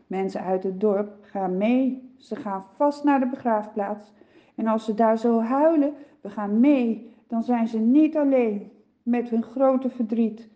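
A woman narrating a children's Bible story gently and expressively, with soft sighs. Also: on the high side, lo-fi sound.

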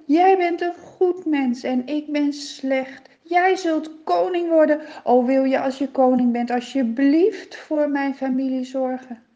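A woman's voice: high-pitched, dark tone, muffled recording. A woman voicing a tearful remorseful king. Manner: tearful, pleading. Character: remorseful old king, sobbing.

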